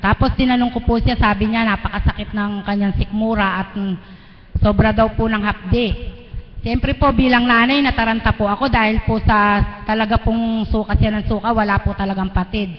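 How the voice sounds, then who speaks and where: Middle-aged woman telling her testimony at church, pretty flat delivery, long hall echo, muffled lo-fi stream with faint hiss. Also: mid-range voice, moderate pace. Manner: earnest and deferential, retelling events step by step. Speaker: church member giving a testimony. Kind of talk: live spoken testimony. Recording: dull lo-fi livestream audio in a reverberant hall, faint noise.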